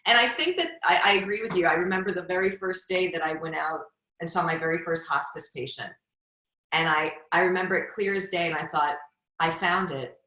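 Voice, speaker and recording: Speaking a little quickly, this former hospice nurse turned podcaster interviews her guest warmly and with lots of encouragement. She is middle-aged, her voice low-leaning and sharp, heard through an echoing room.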